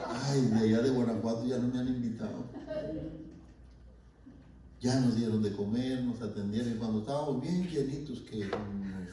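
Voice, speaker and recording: A man preaching as a pastor, telling stories, swinging between loud emphasis and hushed asides. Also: mid-range voice, moderate pace, slight background noise. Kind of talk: sermon. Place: church sanctuary. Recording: echoey church hall from far off.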